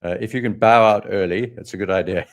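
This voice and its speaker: A man's voice: fairly low pitch, fast talker. A man in his late fifties hosting live market commentary, joking drily and walking through charts step by step. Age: 50s. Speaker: trading analyst host.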